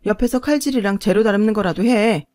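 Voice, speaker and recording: A woman's voice: medium pitch, fast, a little mellow, dry recording, clean studio sound, lightly acted. Woman as a firm, fed-up eldest daughter-in-law. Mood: indignant. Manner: firm, indignant.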